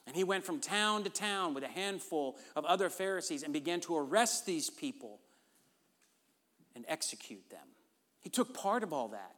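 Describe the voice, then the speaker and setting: A man's voice: fairly high pitch, lively intonation, normal speed, a bit bright. A man preaching a sermon in an emphatic, conversational way, often checking in with the congregation. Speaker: pastor. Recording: long reverb of a large hall.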